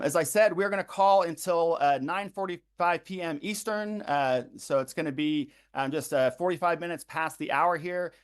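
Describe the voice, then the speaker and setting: A man's voice: on the high side, smooth. A man organizing a phone bank, walking volunteers through a calling script with frequent ums and uhs. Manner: frequent ums and uhs, repeats web addresses slowly. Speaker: campaign organizer leading a phone bank livestream. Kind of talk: instructional briefing to volunteers.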